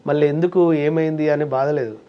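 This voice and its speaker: A man's voice: on the high side, steady tone, brisk, highs cut off. A man, a comedian and mimic, talking in a casual interview and acting out quoted voices as he tells stories.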